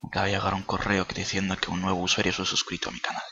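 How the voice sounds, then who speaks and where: A man's voice: sits low, completely flat delivery, racing, pushed and bright, breathy edge, dry recording, lo-fi sound. A young man giving playful, swearing gameplay commentary, often dropping to a coaxing near-whisper. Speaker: gaming YouTuber.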